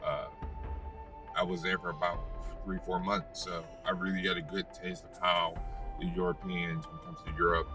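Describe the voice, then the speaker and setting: An American man, a vlogger, casually telling a personal story in a halting, rambling way with self-corrections. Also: low voice, flat delivery. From United States. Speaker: vlogger and former basketball player. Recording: distant mic, music behind.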